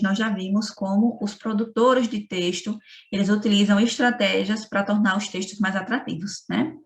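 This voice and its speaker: A woman with a Brazilian Portuguese accent giving a remote school lesson in a didactic way, often checking in with her students by asking "right?". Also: medium pitch. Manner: didactic, frequent tag questions. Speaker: teacher. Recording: echoey room, from a distance.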